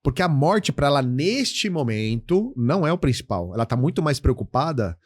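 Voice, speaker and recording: Animated middle-aged man, dry sound. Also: medium pitch, moderate pace, no room sound. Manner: animated storytelling, acts out client dialogues, says "cara" often. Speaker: guest, insurance educator. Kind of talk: casual podcast interview.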